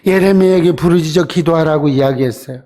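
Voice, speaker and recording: A man's voice: on the high side, quick pace, warm tone. A male pastor giving a conversational sermon, often asking the congregation rhetorical questions and briefly acting out quoted voices. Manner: acts out quoted voices in short dramatized asides.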